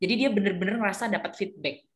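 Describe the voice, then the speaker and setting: A woman's voice: mid-range voice, very fast. A woman teacher trainer giving a casual briefing, explaining with worked examples and many fillers.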